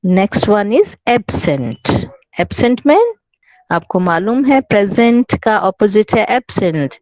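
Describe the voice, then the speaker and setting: A woman's voice: medium pitch, big pitch swings, darkish tone, dry recording. A woman with an Indian accent teaching an online English lesson to children, patiently mixing Hindi and English and spelling out words letter by letter. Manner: slow, patient, addresses children as beta. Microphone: online class microphone.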